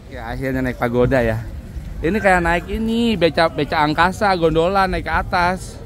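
A man's voice: a little high, moderate pace. A middle-aged man, chatting casually and playfully for a vlog on a handheld phone. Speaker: vlogger. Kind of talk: casual vlog chat with partner. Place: amusement park rides, queues and paths, mostly outdoors or under canopy. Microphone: handheld phone at arm's length. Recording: busy amusement park noise, music behind.

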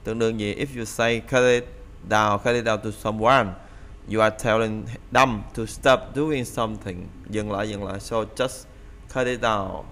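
A man's voice: fairly low pitch, steady tone, unhurried, a bit bright, a little hiss or hum. A man teaching English phrasal verbs in a casual lesson, explaining in Vietnamese and often repeating the phrases aloud.

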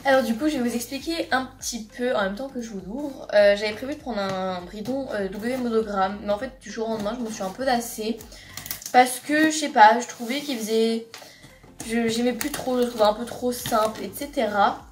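A woman's voice: a little high, fairly quick, slight background noise. Teenage girl, casual haul vlog, gushing and chatty, camera across a bedroom, roomy and distant. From France. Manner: chatty, gushing, many fillers and restarts. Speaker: vlogger. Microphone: camera across the room. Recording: roomy bedroom sound from off-mic.

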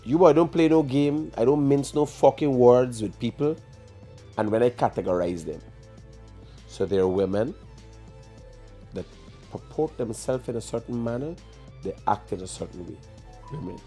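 A man's voice: mid-range voice, moderate pace, long pauses, warm tone, soft background music. A middle-aged man with a Guyanese accent, bluntly hosting a casual podcast chat. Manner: blunt, profane, opinionated. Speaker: podcast host. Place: small studio lounge, on a leather couch. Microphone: boom mic on a stand.

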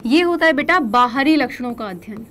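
A woman's voice: a little high, lively intonation, fairly quick, a bit bright. A young woman teaching a class, asking her students questions and then answering them herself, and repeating the key terms.

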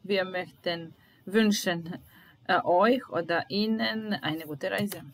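A woman teaching a German lesson, saying sentences aloud and repeating each one slowly and carefully. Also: on the low side, a little hiss or hum, rough recording. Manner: slow, deliberate repetition of phrases.

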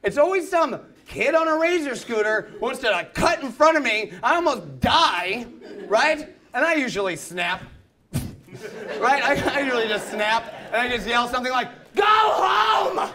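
A man in his thirties doing a stand-up comedy set in a club, ranting and breaking into yelled outbursts. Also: very high voice, expressive, moderate pace, crowd noise. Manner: ranting, yells in acted outbursts. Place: comedy club stage with live audience. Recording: live club recording, audience laughter.

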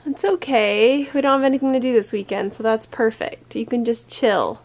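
A woman's voice: fairly high pitch, moderate pace, a little mellow. A middle-aged woman, a mother and vlogger, chatting casually and playfully while filming around her farm home. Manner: chatty, playful, laughs often. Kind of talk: casual family vlog chat.

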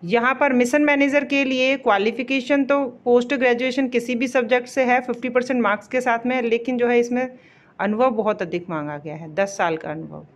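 A woman explaining a job vacancy notice in a casual walkthrough, pausing on fillers and reading official names slowly. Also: on the high side. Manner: explanatory, repeats fillers and pauses mid-phrase; reads English names slowly, word by word.

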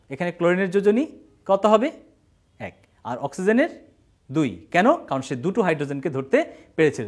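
High-voiced male teacher quizzing the class. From Bangladesh. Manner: asks students questions and answers them himself; halting, restarts words. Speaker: science teacher. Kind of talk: online class lecture.

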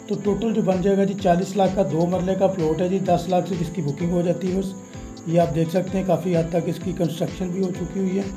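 High-voiced man on a walking property tour. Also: mellow. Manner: repetitive, reels off prices, frequent "viewers" and "ji". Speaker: property dealer giving a site tour. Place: outdoors in a housing development.

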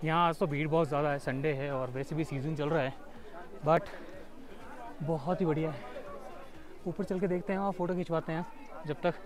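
A young travel vlogger with a fairly high voice chats casually while walking through a busy town market, wearing a clip-on mic. He mixes English words into his talk, keeping fairly even intonation and a normal pace with frequent pauses, against crowd noise.

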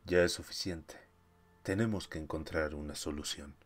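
A man's voice: extremely low pitch, steady tone, normal speed. A man voicing a stern male ship captain who speaks in a curt, commanding way.

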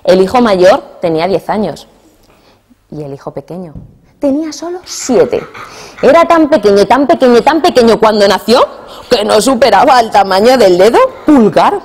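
A young adult woman telling a fairy tale to children, expressive and asking them questions as she goes. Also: mid-range voice, normal speed, breathy edge. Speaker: storyteller.

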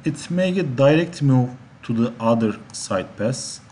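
Keyboard clicks and a steady low hiss sit behind this software instructor, a man whose first language is Turkish. His medium-pitched narration is slow and halting as he walks through the tutorial one step at a time.

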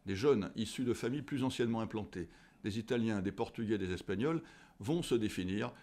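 Deep-voiced man, deliberate and halting. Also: a little mellow. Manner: deliberate, hesitant with frequent fillers and restarts. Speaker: guest, history teacher. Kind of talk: measured interview answers. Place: indoor office with tall window. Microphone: desk studio microphone.

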